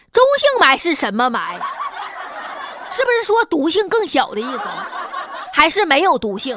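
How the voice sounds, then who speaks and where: A woman's voice: sits high, noisy background. A woman with a Northeastern Chinese accent giving sarcastic, colloquial comic commentary on the news as a host.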